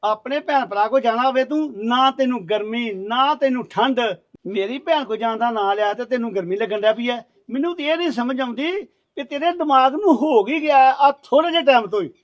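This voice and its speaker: A man's voice: extremely high pitch, brisk, no room sound. An actor playing a stubborn, short-tempered middle-aged husband who scolds his wife. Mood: angry. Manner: bossy, scolding.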